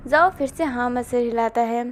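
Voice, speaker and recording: High-voiced woman reading a story. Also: a little fast. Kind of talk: reading fanfiction aloud.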